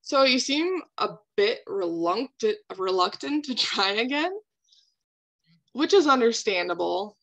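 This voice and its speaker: A woman speaking as a calm therapist in a counseling role-play, validating and asking reflective questions. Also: fairly high pitch, measured pace.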